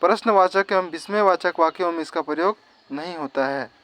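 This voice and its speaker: High-voiced teacher. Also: male voice, brisk, fairly bright tone, no room sound. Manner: explains step by step, repeats definitions. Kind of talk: exam-prep grammar lesson.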